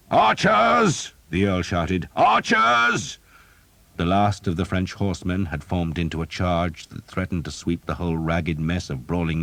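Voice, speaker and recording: Man, audiobook narrator, very deep voice, steady dramatic storytelling, dry studio. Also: dry recording. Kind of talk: scripted narration.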